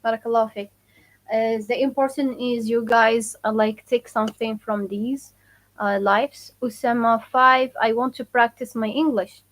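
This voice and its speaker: Lady doing a live language lesson, kinda high voice, says words over and over for viewers. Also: fairly even intonation, a bit bright. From Morocco. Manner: casual, repeats phrases slowly for learners; answers viewer questions. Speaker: Moroccan Arabic teacher.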